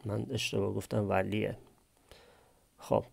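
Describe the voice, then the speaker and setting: A man's voice: lowish voice, level tone, gravelly, darkish tone, husky. A man teaching a language class, explaining a text phrase by phrase and posing questions he then answers himself. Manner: asks and answers his own questions.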